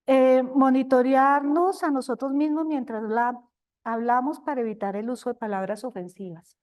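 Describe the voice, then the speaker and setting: Expressive Colombian woman, mellow voice. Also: a little high. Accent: Colombian Spanish. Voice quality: talks loudly at times. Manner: expressive, addresses listeners as companions. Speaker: speaker at a recovery group talk. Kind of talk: personal sharing talk.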